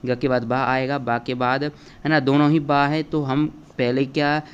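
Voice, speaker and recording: In a smooth, medium-pitched, level voice, a male teacher speaks a little slowly while taking children through an exam paper step by step. He checks in often, repeating "है ना" and "ठीक है", and the audio sounds dull.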